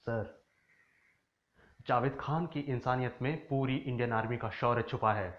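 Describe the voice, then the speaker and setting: A man's voice: mid-range voice, fairly even intonation, normal speed, natural voice. A man acts out a stern army officer who lays out a cold, cutting rebuke in a level mid-range voice. The sound is dull and lo-fi, with a roomy echo. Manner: cold, cutting rebuke mixing Hindi and English. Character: stern male army officer confronting a bigot. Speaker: actor in a monologue contest. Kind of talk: stage monologue. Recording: echoey, dull lo-fi recording.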